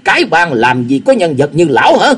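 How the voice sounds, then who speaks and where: A man voicing an eccentric, mocking old male martial-arts wanderer who talks loud and taunting in a spoken wuxia story. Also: fairly high pitch, sing-song, a little fast, slightly rough, pitched above the performer's own voice, full character voice. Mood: scolding.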